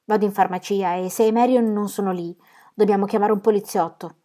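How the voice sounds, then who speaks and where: A headstrong, excitable young woman, as a woman reader voices her. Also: medium pitch, brisk, close to an everyday voice. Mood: defiant.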